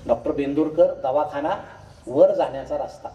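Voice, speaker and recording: A man speaking at normal speed in a fairly high voice delivers a comic public lecture with a Marathi accent. He tells jokes like a storyteller and performs the dialogue in his tales. A distant mic picks him up in an echoey hall, with crowd and background noise.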